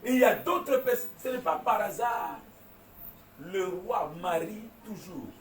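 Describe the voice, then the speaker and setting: A man preaching a sermon as pastor, animated, with call-and-response and laughing asides. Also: sits high, slow. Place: large church hall. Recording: echoey church hall, far from mic, congregation. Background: congregation responding.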